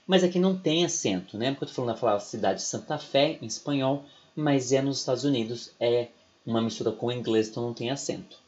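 A man's voice: mid-range voice, fast talker, a little mellow, muffled recording. A Brazilian man with a Brazilian Portuguese accent, giving an online English lecture in a chatty way and often tagging his sentences with "né?" and "ok?". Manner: chatty, keeps adding "né?" and "ok?". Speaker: English teacher.

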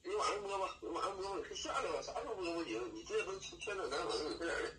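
A man keeps urging someone on in casual talk. He speaks quickly, and his voice is a little high for a man. Clear background noise runs under his voice. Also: lively intonation. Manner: urging, pushy. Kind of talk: casual chat.

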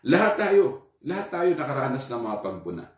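A man giving a sermon in a relaxed, conversational way, mixing Tagalog and English with frequent fillers. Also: mid-range voice, moderate pace. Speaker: preacher. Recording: echoey room, from far off.

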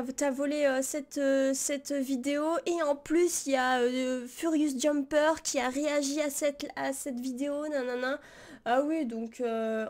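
A woman's voice: fairly high pitch, a little mellow. A young woman live-streaming reaction commentary, talking casually and rambling, with many fillers and frequent laughs. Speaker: streamer reacting to parody videos.

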